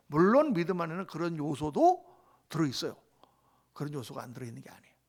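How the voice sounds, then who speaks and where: Male pastor, sermon delivery, high and gravelly, swings from emphatic calls to near-whispers. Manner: swings from loud exclamations to hushed whispers.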